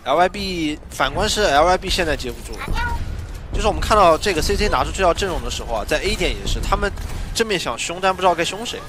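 Excited man calling esports plays. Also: high voice, quick pace, music in the background. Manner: excited play calling, rising on big plays. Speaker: esports play-by-play caster. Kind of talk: live esports commentary.

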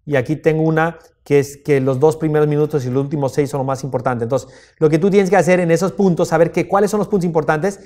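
Animated man lecturing a live seminar. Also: on the high side. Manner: animated, checks in with tag questions; deliberately raises and drops his voice. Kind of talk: live seminar talk on presenting. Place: stage before a live audience.

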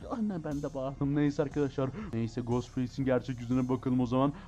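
A man hosting a gaming channel, giving excited play-by-play commentary, gasping at scares and constantly calling out to his viewers. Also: mid-range voice, brisk, muffled recording, soft background music.

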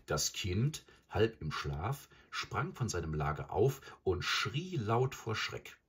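A man narrating a classic tale as an audiobook in an expressive storytelling way. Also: on the low side, slow, breathy edge.

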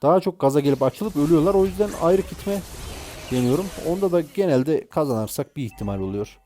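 A man's voice: a little high, animated, a little fast, dark tone, soft background music. A man giving gameplay commentary while playing a mobile game, exasperated and ranting at his teammates.

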